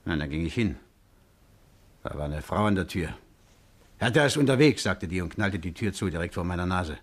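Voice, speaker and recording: An actor in a 1950s German radio crime drama plays an anxious, hot-tempered working-class man telling his story haltingly. His voice is low and animated, and the mood is uneasy and confiding.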